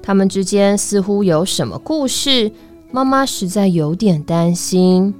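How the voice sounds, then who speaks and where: A woman reading a children's story aloud in an expressive, sing-song storytelling manner. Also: mid-range voice, measured pace. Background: faint music.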